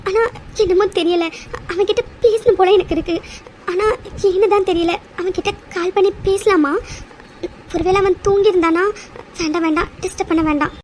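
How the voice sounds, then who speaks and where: A woman voicing a young woman in a cartoon story who is soft-spoken and caring and talks in a pleading, hesitant way. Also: very high-pitched, steady tone, moderate pace, slight background noise. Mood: wistful.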